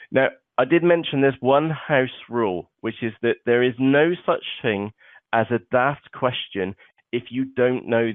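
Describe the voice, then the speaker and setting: A man with a lowish voice runs a live online seminar walkthrough in a chatty, easygoing way, with frequent "okay" and "uh" between points. The web conference microphone makes the audio tinny like a phone call, and there's no room sound.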